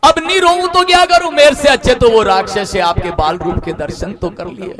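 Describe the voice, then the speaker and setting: A male storyteller voicing the Moon as a male god, pleading tearfully in a loud, rising, high voice during a devotional story recital. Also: animated, moderate pace, creaky. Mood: plaintive, lamenting.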